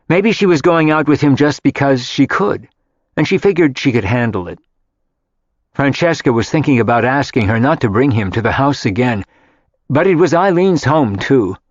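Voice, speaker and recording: A man reads a novel aloud in a steady, even storytelling voice. The sound is dry and close, with a slightly muffled, lo-fi quality. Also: medium pitch, no room sound. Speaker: audiobook narrator. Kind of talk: scripted narration.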